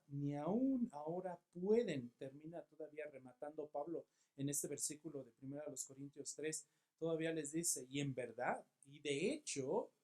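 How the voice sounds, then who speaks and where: A man with a Mexican accent preaching a sermon as pastor, asking questions and answering them himself, with emphatic repetition that swings between loud and soft. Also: on the high side. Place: church.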